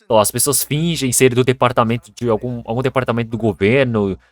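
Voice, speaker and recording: A male pastor preaching a Sunday sermon in an earnest way that grows lively when he tells everyday stories. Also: medium pitch, fast talker, dry recording.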